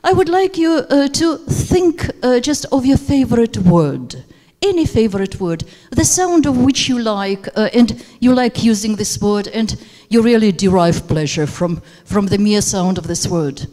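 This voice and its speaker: Warm, expressive, and a little high, this woman's voice keeps a measured pace as she runs a teacher workshop. She's a teacher trainer whose first language is Russian, and her delivery is halting and full of fillers. Hall reverb colors the handheld-microphone recording from a seminar room.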